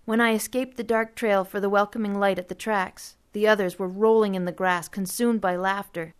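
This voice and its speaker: A woman's voice: medium pitch, steady tone, normal speed, smooth. Woman narrating a story steadily. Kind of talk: audiobook narration.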